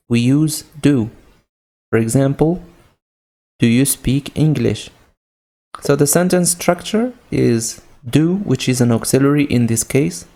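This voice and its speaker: Male English teacher with a Moroccan accent, slow and patient, gravelly delivery. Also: mid-range voice, warm tone. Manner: patient, repeats each point with examples. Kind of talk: slow grammar lesson.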